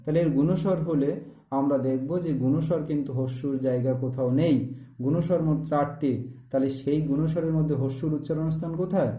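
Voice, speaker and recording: A man gives a grammar lesson. His voice is very dark and mellow and sits a little high. He asks questions and answers them himself, and he is recorded in an echoey room. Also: fairly even intonation, brisk. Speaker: teacher.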